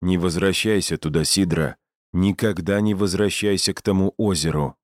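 Worried warrior husband, firm and deep, dry close sound, read by a male narrator. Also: normal speed, no echo, close to an everyday voice. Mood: stern, worried.

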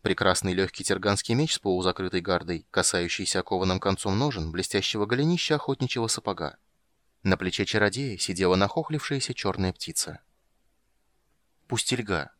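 A man with a fairly low voice reads fantasy narration for an audiobook. His delivery is steady and measured. The recording is dry and close, with no room sound. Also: no echo.

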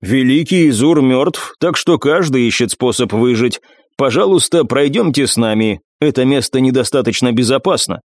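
A man's voice: medium pitch, expressive, moderate pace, no room sound, studio quality, lightly acted. A man voicing a falsely polite male assassin in an audiobook, insistent and clipped. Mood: urgent.

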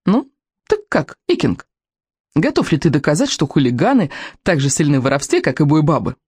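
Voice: mid-range voice, big pitch swings, fairly quick, darkish tone, slightly rough, no echo, clean studio sound. A reader voicing a bold, reckless young girl who talks in a brash, breezy way.

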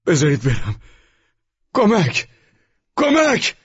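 A man's voice: a little high, wildly swooping pitch, husky, muffled recording, pitched above the performer's own voice, heavily acted. A man voicing a weak, terrified hunted man who pleads faintly and cries out for help in an audiobook. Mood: panicked.

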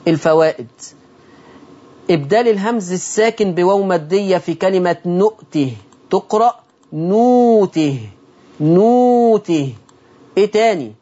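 A man with an Egyptian Arabic accent teaching the rules of Quranic recitation, explaining step by step, asking his listeners questions and repeating words slowly to demonstrate them. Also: high voice, darkish tone, muffled recording. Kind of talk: religious lesson on Quranic reading rules.

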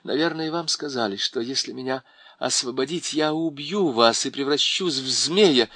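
A man's voice: medium pitch, moderate pace, fairly bright tone, no echo. A man voicing a desperate, bewitched young knight who pleads urgently and at times rages. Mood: pleading.

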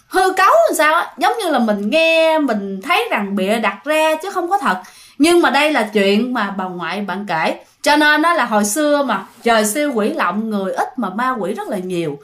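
Woman storyteller for a ghost story channel, high voice, chatty with listeners. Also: fairly bright tone. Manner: chatty, often addresses listeners directly.

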